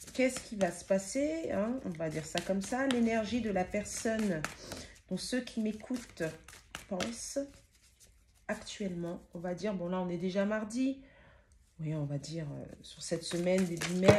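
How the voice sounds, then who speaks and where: Against a noisy background, a middle-aged woman with a mid-range voice does a spiritual tarot reading in her home, dogs nearby. Sniffling now and then, she talks chattily, exclaims at the cards and interjects "hein" often, at times hurrying and stammering as she channels.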